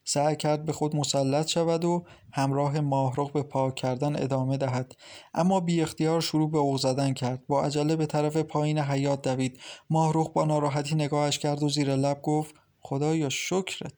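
A man narrating a novel as an audiobook reader, in a steady, even storytelling delivery. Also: on the high side.

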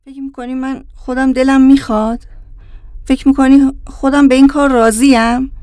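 A woman's voice: high-pitched, flat delivery, mellow, dry recording, clean studio sound, natural voice. An actress playing a frightened, desperate young pregnant woman in an audiobook drama, speaking in a pleading, emotional way.

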